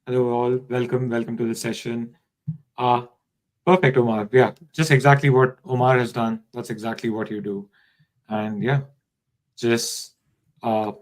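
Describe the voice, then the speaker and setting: A man's voice: mid-range voice, rough recording. A man hosting a live online session, welcoming viewers and reading out their comments over a video call. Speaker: live-stream host.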